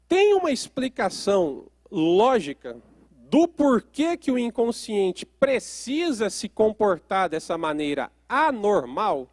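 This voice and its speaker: A high-pitched man gives a lecture as a therapist, often turning to the audience with questions. The sound is dry and close, with no room echo. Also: a little mellow.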